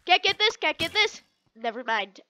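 Heavy background noise surrounds this young gaming video creator as she casually commentates on a game, cheering and groaning at what happens. Her very high voice is sing-song at normal speed, and she sounds stuffy and sick.

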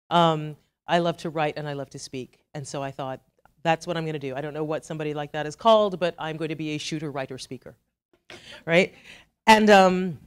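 A middle-aged Trinidadian woman with a Trinidadian accent gives a conference talk in a conference hall. Her low voice is clear and resonant, and her delivery is chatty and self-deprecating, full of asides.

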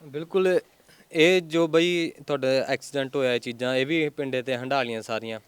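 A gentle man from Punjab, India, interviews a grieving family. His voice is smooth and resonant, and he prompts with patient questions and quiet consolation. His pitch is ordinary for a man. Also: fairly even intonation, normal speed, no room sound. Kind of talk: field interview.

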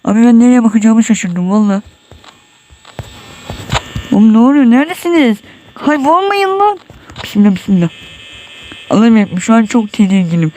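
Here the gamer is expressive and brisk, his high, mellow voice broken by long pauses, with a slight hiss or hum in the background. Nervous and sweating through a horror game, he mutters prayers, lets out exclamations and yelps when startled.

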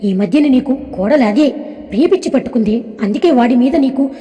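Woman voicing a dismissive older man, scolding, dark mellow tone, long reverb. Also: sits high, animated, brisk. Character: gruff older father, dismissive husband.

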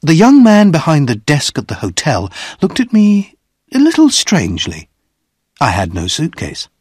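A man narrating a graded-reader story in a deliberate, expressive storytelling manner, close to the mic. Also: a little high, breathy edge, no room sound.

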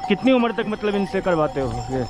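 A man's voice: sits high, lively intonation, fairly quick. A young man chatting casually as he vlogs on a mountain trek on horseback, often breaking into exclamations. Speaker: vlogger. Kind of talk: casual travel vlog narration.

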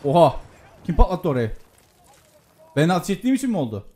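An excitable young man talks to himself as he plays, breaking into sudden exclamations. His voice sits a little high with very lively pitch. A faint hum of the room sits behind him. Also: fairly quick. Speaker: gameplay commentator. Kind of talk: casual gameplay commentary.

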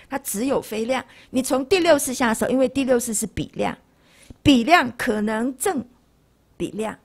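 An older woman, teaching a Buddhist class in a classroom. Her voice sits fairly high, with a gravelly fry and a husky edge. She talks in a lively way and keeps turning to her students with rhetorical questions. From Taiwan. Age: 60s. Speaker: lay Buddhist lecturer. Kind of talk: classroom dharma lecture.

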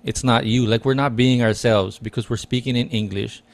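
This Filipino man, a native Tagalog speaker, co-hosts a casual podcast over a video call from a small indoor room with a dark curtain, using a headset and studio mic. His gravelly, mid-range voice holds a fairly even intonation at normal speed. He thinks aloud reflectively, restarting often and circling back.

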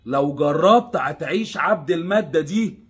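Husky young Egyptian man pleading earnestly. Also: lively intonation, moderate pace. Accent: Egyptian Arabic. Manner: earnest and pleading, swings between loud urging and low hushed warnings. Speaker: vlogger. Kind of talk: personal warning monologue.

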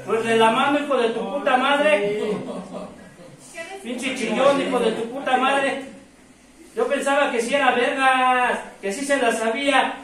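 A man with a Mexican accent giving a harsh, profane, confrontational testimony at a recovery group meeting. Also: very high voice. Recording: very echoey hall, distant mic, crowd.

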